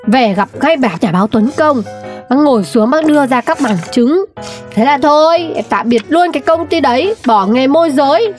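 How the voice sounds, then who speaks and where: High-voiced bickering woman. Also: expressive, moderate pace. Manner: sharp-tongued, bickering. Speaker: wife and shopkeeper in a comedy skit. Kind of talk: comedy skit acting. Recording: faint music underneath.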